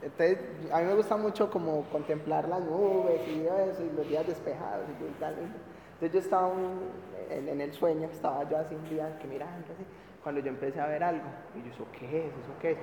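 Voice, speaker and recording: A man from the congregation telling the group about a dream he had, eager and excited, stumbling over his first words. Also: on the high side, a little fast, echoey room, big-room sound, a little hiss or hum, poor audio. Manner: eager, excited storytelling with stammered starts. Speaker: congregation member.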